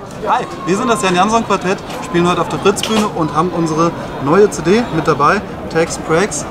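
Musician greeting fans at a festival. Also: male voice, high-pitched, normal speed, over loud music. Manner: friendly, brief promo talk. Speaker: jazz musician. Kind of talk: casual band greeting. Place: outdoors at a festival.

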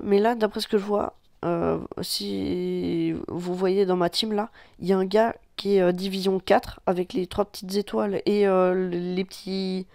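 A man from France giving casual let's-play commentary on a mobile tank game, excitable and quick to swear and cry out at the action. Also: high voice, no room sound, clean studio sound. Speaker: gaming YouTuber.

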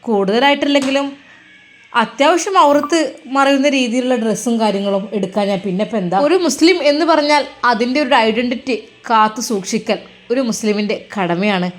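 A woman's voice: on the high side, fairly quick. A woman narrating a story in an earnest, moralizing tone.

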